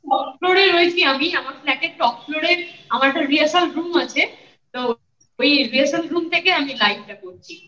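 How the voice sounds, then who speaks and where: Give me a quick bright woman in an echoey empty room. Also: high-pitched. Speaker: singer performing live. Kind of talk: casual live-stream chat. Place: empty unfurnished rehearsal room on a flat's top floor. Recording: echoey bare room, slightly dull sound.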